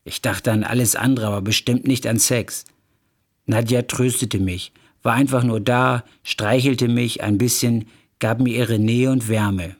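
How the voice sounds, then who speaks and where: A man's voice: medium pitch, a little slow. A man narrating a first-person memoir audiobook, reading expressively. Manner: expressive, acting out quoted dialogue.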